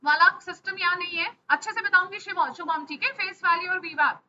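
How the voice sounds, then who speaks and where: A woman with a very high, bright voice teaches a stock market class over a video call, often pausing to check that her students are following. Her audio sounds slightly muffled, with a faint hiss behind it. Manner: keeps checking in with frequent "ok?" and hesitation fillers. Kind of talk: live online class, answering questions.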